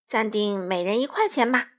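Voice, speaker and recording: A woman's voice: mid-range voice, moderate pace, close to an everyday voice. A woman voicing a smug, bossy male wolf who bullies and threatens. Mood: bossy sneering. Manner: sneering, threatening.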